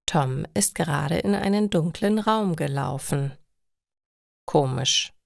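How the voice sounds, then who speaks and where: A woman narrating short stories for German learners with clear, deliberate scripted reading. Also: sits low, a little mellow, no room sound, clean studio sound.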